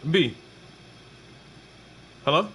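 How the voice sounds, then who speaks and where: Male caller, casual chat, choppy breaking-up phone line, asks if he's heard, faint noise behind. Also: drawn-out words. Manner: calls out to check he can be heard. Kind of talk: casual chat over a call. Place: upstairs in a studio.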